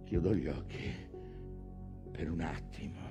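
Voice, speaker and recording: An actor playing a vengeful, obsessed old whaling captain in a declamatory theatrical stage monologue, moving between hushed brooding and bellowed commands. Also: male voice, a bass voice, unhurried, music in the background. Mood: grave, resigned.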